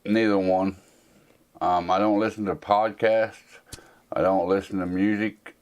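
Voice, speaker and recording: This American host in his 40s chats through viewer questions in a casual Q&A, wandering off in homespun, plain talk packed with fillers. He has a deep, darkish voice with a flat delivery at a measured pace.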